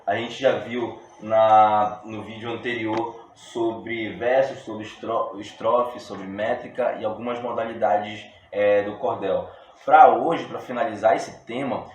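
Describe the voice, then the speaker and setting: Brazilian man teaching in an echoey room. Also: mid-range voice. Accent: Brazilian Portuguese. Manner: relaxed, slangy, explains step by step with many restarts. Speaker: poetry workshop teacher. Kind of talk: casual video lesson. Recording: roomy echo with faint room noise.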